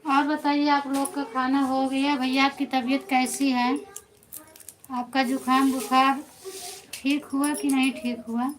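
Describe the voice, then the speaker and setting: A woman's voice: high-pitched, flat delivery, a little slow, rough recording. A woman folk singer with an Awadhi accent, chatting casually with viewers on a phone live stream, answering them by name and reassuring them.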